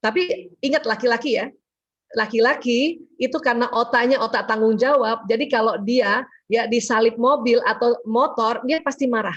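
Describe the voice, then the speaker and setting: A woman giving a lively religious health talk as guest speaker on a video call, acting out quoted dialogue as she goes. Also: a little high, normal speed. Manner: animated, acts out quoted dialogue. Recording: dull lo-fi call audio.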